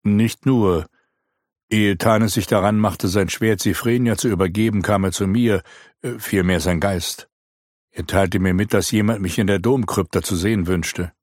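A man voicing a resolute knight hero, speaking calmly and explaining. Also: lowish voice, normal speed, dry recording, studio quality, lightly acted. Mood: earnest. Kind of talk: audiobook character reading.

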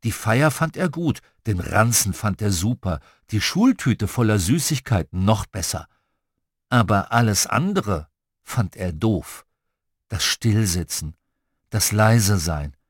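A man reading a children's story aloud as its first-person narrator, in a playful and expressive storytelling manner. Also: on the low side, slightly rough, no echo, studio quality. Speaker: audiobook reader.

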